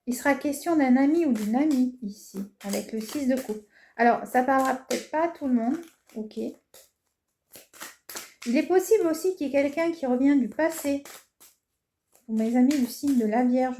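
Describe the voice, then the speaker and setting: Woman, tarot reader, highish voice, hesitant with fillers, faint background noise. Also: mellow. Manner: hesitant, many fillers and reassuring tags. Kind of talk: casual horoscope card reading. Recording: echoey room with faint noise.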